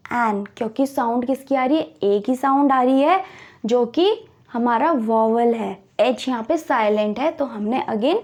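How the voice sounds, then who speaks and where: A woman's voice: high-pitched, a little mellow. A woman teaching a grammar lesson, explaining each rule patiently step by step. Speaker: English teacher.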